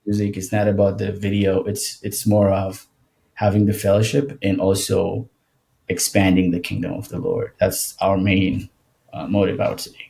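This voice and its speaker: A young man from Ethiopia, a worship singer, talks as a podcast guest in a loose, casual interview full of restarts and laughter. His voice sits low with vocal fry, and he speaks at normal speed.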